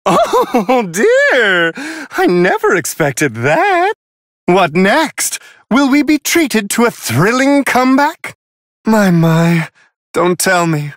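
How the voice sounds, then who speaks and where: A man's voice: very high voice, fairly bright tone, no room sound, studio quality, full character voice. A male actor voicing Whis, a refined, playful otherworldly angel giving courteous, theatrical, wryly amused fight commentary in a video game. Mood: delighted surprise, then wry, intrigued. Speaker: match commentator.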